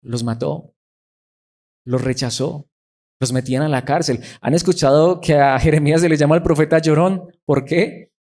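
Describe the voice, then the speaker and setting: A man's voice: a little high, fairly even intonation, fairly quick, few pauses, a little mellow. A man preaching a sermon, who keeps putting rhetorical questions to the congregation.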